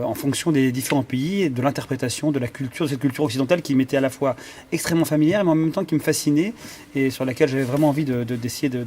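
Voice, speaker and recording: An Iranian conductor and cellist answers interview questions thoughtfully, his medium-pitched voice a little mellow. He uses many fillers and restarts while searching for words, and there's a faint hiss or hum on the recording.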